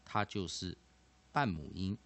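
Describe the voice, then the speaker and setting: Male pronunciation teacher, low gravelly voice, lively rise and fall, slow and explanatory. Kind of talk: vocabulary and phonics lesson.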